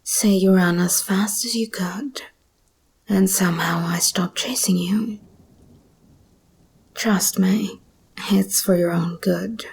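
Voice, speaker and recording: In an ASMR roleplay, a woman voices a seductive, menacing female monster hybrid, using a breathy whisper and a slow, deliberate, teasing delivery. Her voice is fairly low, a little mellow, and exaggerated.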